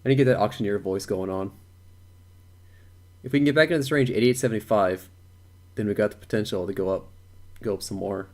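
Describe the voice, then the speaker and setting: A man's voice: on the low side, fast talker, a little mellow. A young man thinking aloud while day trading on a live stream, repeating words and chuckling to himself.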